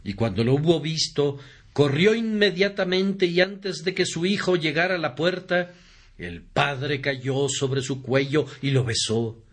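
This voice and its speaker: Slow, earnest male sermon reader. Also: fairly high pitch. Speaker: preacher. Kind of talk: read sermon, Spanish voice-over.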